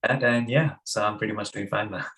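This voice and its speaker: A man's voice: on the low side, fairly quick, fairly bright tone. Hesitant young Sri man. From Sri Lanka. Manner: hesitant, many fillers. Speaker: podcast guest. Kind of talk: casual interview chat.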